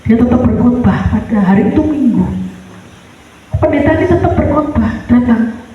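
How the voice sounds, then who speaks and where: A woman's voice: animated, moderate pace, lo-fi sound, slight background noise. A woman preaching a sermon, emphatic and storytelling, in a large church hall. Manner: emphatic, storytelling, swinging pitch. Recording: echoey church hall, mic far off.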